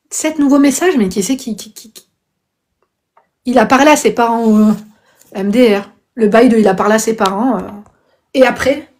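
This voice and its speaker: A woman hosting a casual live stream, answering viewers' comments bluntly and calling them darling. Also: fairly high pitch. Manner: punctuates opinions with "I swear" and "I'm telling you the truth". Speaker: live-stream host and life coach.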